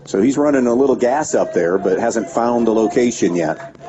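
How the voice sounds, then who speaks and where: A man calling a high school baseball game play by play on local radio, giving steady pitch-by-pitch calls with stats between pitches. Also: moderate pace. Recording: dull lo-fi radio broadcast with faint background noise.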